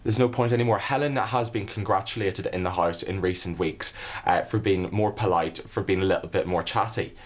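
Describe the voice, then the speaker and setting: Deep-voiced man, earnest and aggrieved. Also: fairly quick. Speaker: reality show contestant. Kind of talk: confessional to camera.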